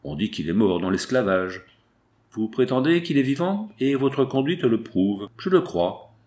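A man's voice: medium pitch, big pitch swings, unhurried, a little mellow. A man reading the lines of a proud, grieving medieval prince in an audiobook, in a declamatory, pleading manner. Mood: proud, indignant.

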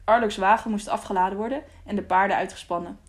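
Brief: female storybook narrator, even and clear. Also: medium pitch, fast. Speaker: audiobook narrator. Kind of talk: audiobook narration.

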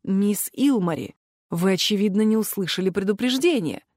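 A woman voicing a cold, sarcastic male academy curator in an audiobook, speaking in low, measured, clipped commands. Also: lively intonation, a little mellow, no room sound, studio quality. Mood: cold stern. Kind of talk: audiobook character voice.

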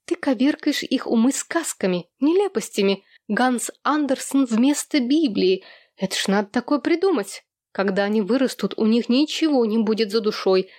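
A woman's voice: mid-range voice, brisk, few pauses, a little mellow, no room sound, clean studio sound, close to an everyday voice. A woman reading aloud and voicing an indignant, self-righteous adult sister who lectures in a raised voice.

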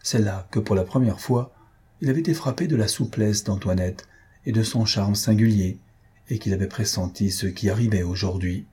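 Dark, husky male novel reader. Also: fairly low pitch, normal speed. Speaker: audiobook reader. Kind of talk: reading a classic novel aloud.

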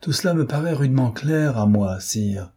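A man voicing a proud, defiant gentleman thief in an audiobook, mocking and self-assured. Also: mid-range voice, lively intonation, moderate pace, breathy edge. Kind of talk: audiobook character reading.

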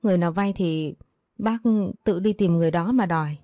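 A woman's voice: fairly low pitch, fairly quick, mellow, no room sound, studio quality, close to an everyday voice. A woman voicing a poor, distraught middle-aged village wife who laments and pleads.

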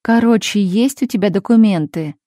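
A patient grown daughter, voiced by a woman reader presses her point calmly and firmly, at times pleading. The voice is dark and mellow, recorded dry and close. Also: medium pitch, normal speed, dry recording, close to an everyday voice. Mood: calm, insistent. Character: patient, insistent grown daughter, calm and firm.

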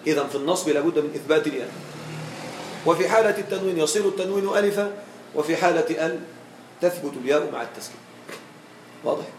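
A man teaching a grammar lesson to a class, checking with his students and slowing down to model each example. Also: fairly high pitch, a little mellow, reverberant, slight background noise, low-quality recording.

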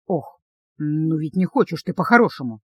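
A cocky, mocking male dragon guard speaks low and unhurried, as a woman narrator puts him on. The voice sits well below her own and stays level and self-satisfied. The recording is close and dry. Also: breathy edge, no echo, exaggerated voice. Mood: stern. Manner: low, smug and calm.

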